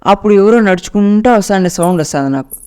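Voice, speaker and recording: A man's voice: high-pitched, lively intonation, fast, mellow, clear, resonant tone. A man narrating a first-person ghost story in a dramatic storytelling manner.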